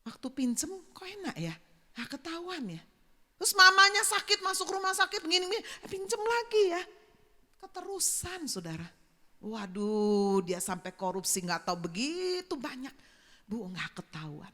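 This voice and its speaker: A woman's voice: high voice, sing-song, moderate pace, bright, forceful tone. A woman pastor preaching a sermon, telling a story bluntly and acting out the dialogue. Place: church sanctuary. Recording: long reverb of a church hall.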